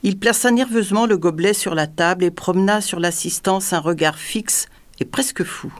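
A woman reading a story aloud in scripted narration, with even, dramatic storytelling. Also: medium pitch, normal speed. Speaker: audiobook narrator.

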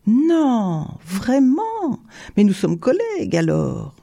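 A reader voicing a jovial, scheming male count who talks cheerfully and coaxes smoothly in an audiobook story. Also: mid-range voice, sing-song, unhurried, a little mellow. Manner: cheerful, coaxing, smooth-talking. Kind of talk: audiobook reading.

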